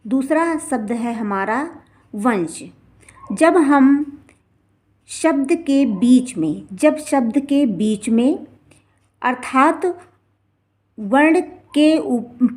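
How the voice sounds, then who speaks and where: A woman teacher explaining the lesson slowly and carefully, repeating each example word with drawn-out pronunciation. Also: high voice, darkish tone. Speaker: Sanskrit teacher. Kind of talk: classroom-style explanation.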